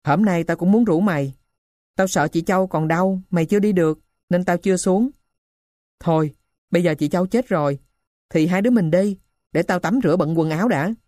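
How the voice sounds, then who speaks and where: A woman's voice: lowish voice, fairly quick, mellow, dry recording, clean studio sound, lightly acted. Woman reading a blunt streetwise boy. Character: scrappy stepchild boy, eager to run away.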